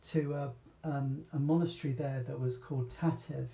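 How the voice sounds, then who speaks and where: A man's voice: medium pitch, fairly even intonation, moderate pace, vocal fry, mellow. A man from Britain giving a casual, rambling talk, full of hesitations and restarts. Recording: echoey room, voice from a distance.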